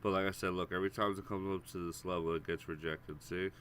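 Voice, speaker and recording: Hosting a live premarket stream, a man with a head cold casually walks viewers through chart levels and price targets, repeating himself and calling them guys. His deep, congested, nasal voice is a bit bright, fast and fairly even, over a slight hiss or hum.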